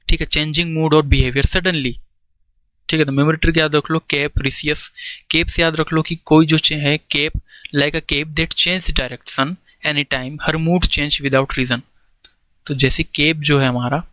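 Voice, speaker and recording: A man's voice: a little high, a bit bright, dry recording. Hindi-speaking man teaching vocabulary. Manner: explains in Hindi with English words, frequent "ठीक है?" check-ins; slow, deliberate reading of English definitions. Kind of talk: exam-prep vocabulary lesson.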